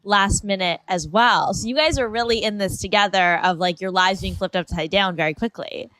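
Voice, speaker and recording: A woman's voice: medium pitch, moderate pace, fairly bright tone, no room sound. A woman with a Canadian accent co-hosting a casual podcast interview, asking friendly leading questions. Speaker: podcast co-host.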